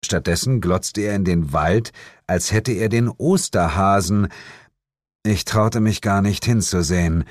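A man's voice: sits low, a little slow, no echo, studio quality. A man reading a first-person detective story aloud as narrator, with a wry, dryly humorous delivery.

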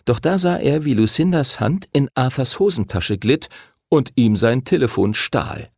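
Gravelly, expressive male audiobook narrator. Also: mid-range voice, unhurried, no echo, clean studio sound. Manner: expressive, storytelling.

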